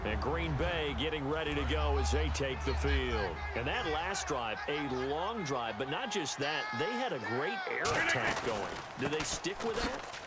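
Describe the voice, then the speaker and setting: A man with an American accent playing a play-by-play announcer, calling an American football video game. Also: fairly high pitch. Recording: loud game noise behind voice.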